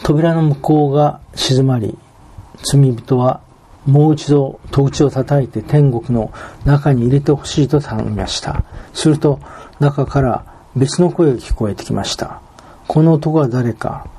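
A pastor preaching a sermon, reading scripture and retelling a story in a measured, calm manner. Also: male voice, medium pitch, husky.

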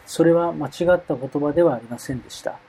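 A man preaching a sermon, reading Bible verses aloud in a measured way and explaining them. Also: fairly high pitch, dark tone, breathy edge, poor audio.

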